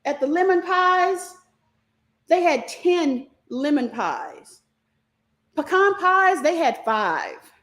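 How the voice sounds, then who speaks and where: A middle-aged woman hosting a live online stock class, talking fast and animated while she reacts to viewer comments. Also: very high voice. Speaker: stock market class host.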